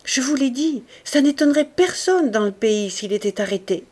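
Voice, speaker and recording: A woman's voice: high-pitched, animated, normal speed, a little mellow, slightly rough, pitched above the performer's own voice. A woman reading the lines of an anxious, tearful former hotel keeper in an audiobook, in a pleading, distressed voice.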